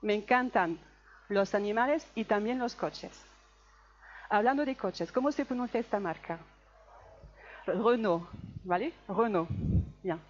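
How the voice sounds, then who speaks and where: A woman's voice: mid-range voice, normal speed, dull audio. A woman teaching a language class to a live audience, explaining step by step and often checking that the room is following. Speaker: French teacher. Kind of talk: lively classroom talk to an audience.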